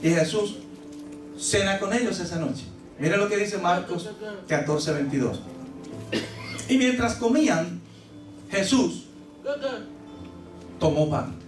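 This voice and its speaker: A man pastor preaching a sermon in a church, animated and theatrical, acting out scenes with loud cries. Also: high-pitched, takes it slowly, long pauses. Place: church service. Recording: echoey church from a distant mic, music behind.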